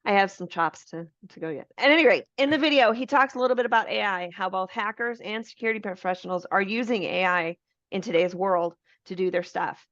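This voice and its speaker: A woman's voice: medium pitch, brisk, fairly bright tone, no room sound. Woman presenting a webinar over dull audio. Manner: explains features step by step, friendly and informal.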